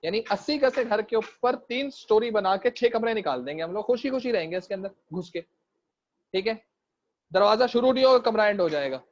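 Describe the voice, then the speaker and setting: A man's voice: sits high, animated, fairly quick, lo-fi sound. A man from Pakistan with a Karachi Urdu accent, lecturing an online class in a chatty, joking way. He mixes English into his Urdu and keeps dropping fillers. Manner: repeats fillers. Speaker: teacher.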